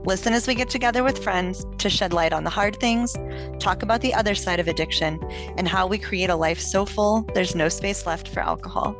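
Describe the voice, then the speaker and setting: A woman's voice: medium pitch, animated, a little fast, music in the background. A woman co-hosting a podcast, speaking in an upbeat, welcoming way. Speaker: podcast co-host. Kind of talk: casual podcast chat.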